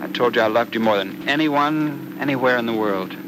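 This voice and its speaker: An actor playing an eager, romantic young suitor in an old radio serial, earnest and lightly joking. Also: male voice, mid-range voice, a little fast, close to an everyday voice. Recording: noisy old radio recording.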